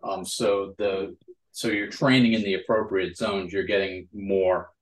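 A man's voice: sits low, fairly even intonation, a little slow, a little hiss or hum. A man hosting a casual interview, explaining things and often checking in for agreement, in a roomy, echoing recording. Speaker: podcast host.

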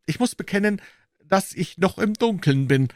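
A man's voice: sits high, animated, normal speed, no echo, studio quality, voice pushed up. A man voicing a puzzled, modest male companion who asks hesitant questions.

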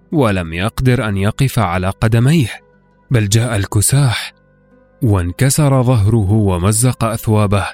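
Low-pitched male storyteller over music. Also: darkish tone. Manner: formal classical Arabic recitation, acting out dialogue. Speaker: podcast host and storyteller. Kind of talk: scripted literary storytelling narration.

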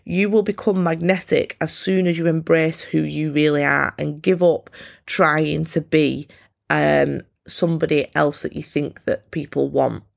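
A woman hosting a solo self-help podcast, talking candidly and encouragingly in a croaky, froggy voice with a congested nose. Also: sits low, fairly even intonation, a little slow. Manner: candid, informal, encouraging, swears freely. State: congested, snotty nose from a cold. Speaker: podcast host.

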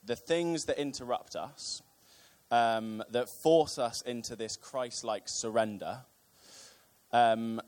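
A man's voice: medium pitch, fairly even intonation, slow pace, darkish tone. A young man preaching a casual sermon to his church, with many ums and wry asides.

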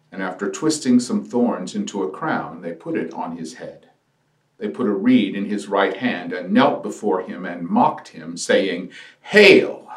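A man reads scripture and asks reflective questions in a slow, deliberate, solemn manner. His voice is low and sounds distant in an echoey room. Quiet instrumental music plays underneath. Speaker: scripture reader leading prayers. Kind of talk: Good Friday scripture reading and prayer.

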